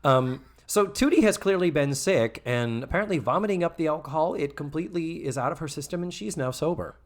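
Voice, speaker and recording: A man's voice: a little high, brisk. A man hosting a casual podcast, chatty and acting out quoted lines from an old sitcom. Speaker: podcast host.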